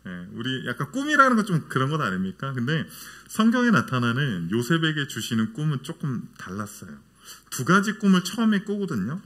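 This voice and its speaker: A man's voice: medium pitch, a bit bright. A man in his thirties preaching a sermon as a church pastor, often asking the congregation questions. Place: church sanctuary.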